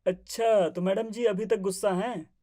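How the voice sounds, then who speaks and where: A woman's voice: mid-range voice, fairly even intonation, normal speed, mellow, natural voice. A woman voicing a shy young husband who grumbles and tries to placate his wife. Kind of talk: family drama acting.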